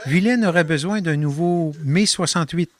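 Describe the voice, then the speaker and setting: A Quebec French-accented man delivers a calm, measured voice-over for a documentary on his own artist residency, his voice a little high.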